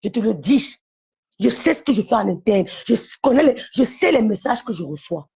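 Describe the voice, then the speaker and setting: A woman's voice: on the high side, sing-song, normal speed, gravelly, darkish tone, husky. A woman calling into a live stream, talking in an insistent, repetitive, confrontational way. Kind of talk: heated live-stream call.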